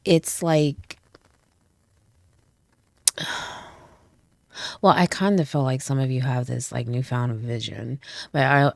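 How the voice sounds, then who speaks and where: A woman gives a casual, chatty tarot reading, sounding a little stuffy from a cold and often checking in with "okay?" and "right?". Her voice rumbles low, creaky and somewhat mellow, on a dry recording.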